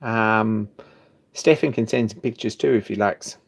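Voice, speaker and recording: A man's voice: on the low side, measured pace, gravelly, husky. A man, hosting a hobby machine shop live stream and chatting casually, rambling with restarts and chuckling now and then.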